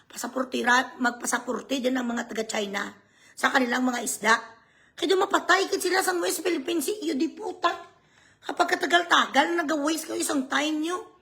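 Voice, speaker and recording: A woman's voice: sits high, moderate pace, creaky, fairly bright tone. A woman ranting in a vlog, mocking and sarcastic, swearing freely. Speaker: vlogger.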